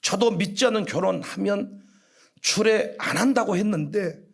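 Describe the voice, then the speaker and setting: A middle-aged male pastor with a Jeolla accent, preaching a fiery sermon in a church and breaking into loud, acted-out scoldings. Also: high-pitched, moderate pace, vocal fry. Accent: Korean, Jeolla region. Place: church sanctuary.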